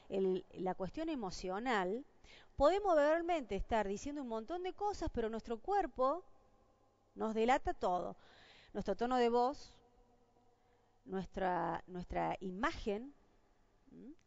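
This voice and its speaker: Lively Argentine woman lecturing a class. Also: fairly high pitch, dry recording. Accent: Argentine Spanish. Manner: lively, rhetorical questions to the audience. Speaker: lecturer on job interviews. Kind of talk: university lecture. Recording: dull lo-fi dry sound.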